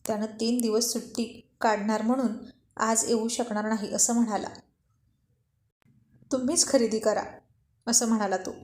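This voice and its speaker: A woman's voice: on the high side, fairly quick. Woman storyteller in an echoey room. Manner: steady storytelling. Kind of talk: serial story narration.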